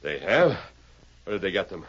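An actor playing a masked frontier lawman hero in an old radio drama, speaking firmly and clearly. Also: low-pitched, big pitch swings, moderate pace, muffled recording, exaggerated voice. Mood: resolute. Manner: firm, clear-spoken, calls out loudly to his horse. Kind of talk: 1930s radio drama acting. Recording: scratchy vintage radio recording with hiss.

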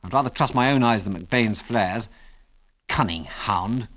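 A man's voice: lowish voice, measured pace, a bit bright. A man voicing a confident male pilot in an audiobook, with clipped, decisive delivery. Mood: scornful. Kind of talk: audiobook character voice.

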